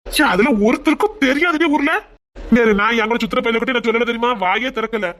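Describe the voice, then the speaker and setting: Someone playing a fast-talking coaxing village lover. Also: medium pitch, fairly bright tone, lightly acted. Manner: coaxing and reassuring. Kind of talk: amateur village drama.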